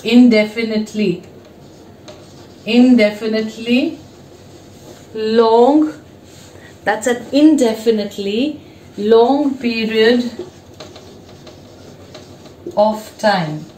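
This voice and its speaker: A woman, teaching a whiteboard revision lesson in a classroom, explaining slowly and answering her own questions, filmed on a fixed camera mic as she moves about. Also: fairly high pitch, darkish tone. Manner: slow, explanatory, asks questions and answers them. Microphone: fixed camera mic, moves toward and away from it. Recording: echoey room, faint background hiss.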